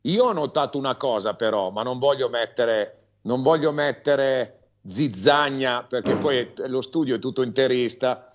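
Middle-aged Italian male football pundit, medium pitch, casual and opinionated, muffled lo-fi call audio. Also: normal speed, few pauses, a little hiss or hum. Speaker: football pundit, former defender. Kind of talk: casual opinionated match discussion. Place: indoors, bright living room. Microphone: earphone mic on video call. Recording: dull lo-fi video call audio.

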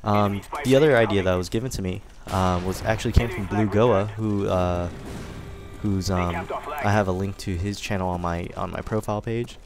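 A man's voice: fairly low pitch, steady tone, moderate pace. A young man giving casual, rambling commentary over a video game, thanking his viewers with many fillers and restarts. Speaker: gaming commentator. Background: game gunfire.

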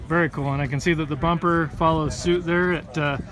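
A man's voice: fairly high pitch, fairly even intonation, brisk. Man, interviewer, outdoor event, crowd noise, brief prompts. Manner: short encouraging prompts like "okay" and "perfect". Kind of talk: casual on-site interview. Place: outdoor expo.

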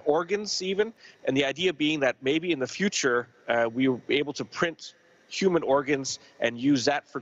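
This is a man heard through a radio link from orbit, and the sound is dull and lo-fi like a communicator channel. He speaks at a mid pitch, calm and measured, and stops often on filler sounds. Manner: measured, with frequent "uh" pauses. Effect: radio downlink from space. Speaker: astronaut. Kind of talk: live space-to-ground call. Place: space station.

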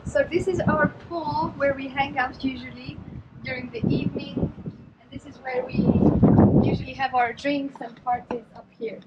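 A young woman from Hungary with a high voice leads a casual tour, pointing things out in a friendly, upbeat way. The action camera picks her up with clear background noise. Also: steady tone, normal speed, dull audio. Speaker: exchange participant giving a tour. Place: guesthouse terraces and rooms. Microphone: action camera held by another person.

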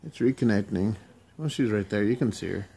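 A man's voice: on the low side, a little fast, gravelly, warm tone, breathy edge. A father on a casual family video call at home, chatty and teasing, talking the child through the call on a phone.

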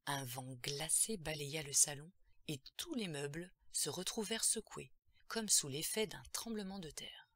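A woman's voice: low-pitched, expressive, normal speed, a bit bright, breathy edge, dry recording. A woman narrating a horror audiobook in a tense, dramatic storytelling manner.

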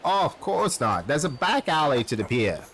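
A man voicing a stern male police officer who speaks with a slow, officious drawl. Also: a little high, very animated, a bit bright, a little hiss or hum.

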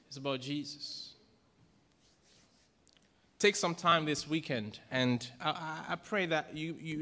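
A middle-aged pastor preaches a sermon into a pulpit microphone, questioning the congregation and building to emphatic peaks. His voice sits on the high side, bright and forceful, and the church hall adds a long reverb.

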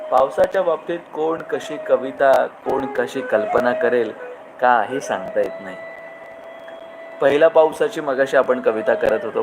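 A male host reciting poems on a livestream. He repeats lines with rising emphasis. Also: medium pitch. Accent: Marathi. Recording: noisy livestream recording.

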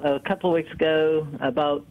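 A man's voice: on the high side, fairly even intonation, fairly quick. A man with an East Tennessee Appalachian accent chatting casually as a caller to a show. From East Tennessee, United States. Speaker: call-in caller. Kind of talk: casual phone chat. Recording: tinny, narrowband phone line.

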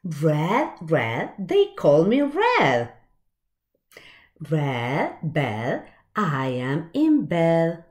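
A low-pitched woman reads a picture book aloud to young children, very slowly and with lots of animation. She's expressive, tossing in asides and questions for her listeners, in a small indoor room lined with shelves.

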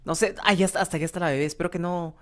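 Racing along in a lowish, slightly bright voice with a steady tone, she narrates her game casually for her channel. Fillers, restarts, and direct asides to the "chicos" watching pepper her rambling commentary.

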